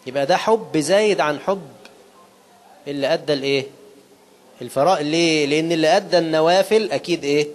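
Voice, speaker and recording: Egyptian preacher guy giving a sermon, talks really quick, slows down for the verses. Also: on the high side. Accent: Egyptian Arabic. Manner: fast colloquial preaching, slowing to recite quoted scripture; asks the listeners rhetorical questions and answers them himself.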